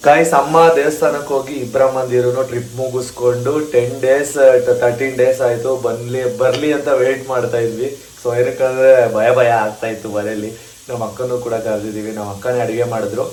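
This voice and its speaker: A man's voice: medium pitch, little pitch movement, brisk, a little mellow, a little hiss or hum. Chatty man in an echoey room. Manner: chatty, laughs often. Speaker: vlogger co-host. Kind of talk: casual vlog chat.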